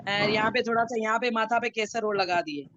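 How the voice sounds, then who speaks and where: A woman's voice: on the high side, fairly quick. A woman chatting casually, telling a story and acting out the people who scolded her. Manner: animated storytelling with acted-out scolding. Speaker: pilgrim recounting a temple visit. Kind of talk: casual chat. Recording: dull lo-fi audio, faint noise.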